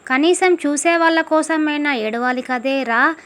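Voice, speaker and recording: A woman's voice: sits high, unhurried, a bit bright. A woman voicing a meek young husband who pleads with his wife in a told folk story. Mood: pleading.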